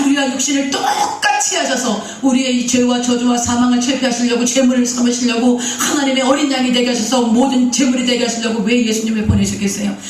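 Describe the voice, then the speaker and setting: A woman's voice: fairly high pitch, slight background noise. A woman pastor preaching a sermon, emphatic, posing questions to the congregation and answering them herself. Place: church sanctuary. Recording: echoey sanctuary heard from far off.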